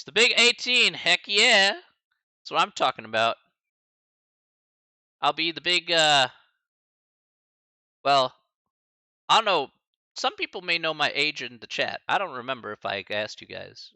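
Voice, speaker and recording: Lively man in his forties teaching math. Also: a little high, no room sound. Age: 40s. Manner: lively, chatty asides to chat, laughs often. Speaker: college math instructor. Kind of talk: live-streamed math lecture.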